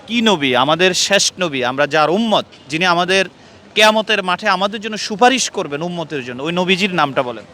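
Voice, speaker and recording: A man's voice: sits high, animated, brisk, pushed and bright. A man hosting a street quiz interview outdoors, earnestly questioning passers-by and lecturing them. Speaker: street interviewer and channel host. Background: traffic and street noise.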